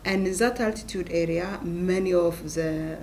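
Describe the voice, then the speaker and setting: A middle-aged woman with an Ethiopian accent, a plant scientist and professor, giving an earnest talking-head interview in short halting phrases. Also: on the low side, a little mellow, slight background noise.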